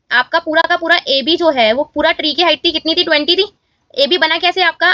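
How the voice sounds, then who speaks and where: A woman's voice: high voice, bright, forceful tone, no room sound, dull audio. A woman teaching a maths lesson, walking students through each step and often correcting herself.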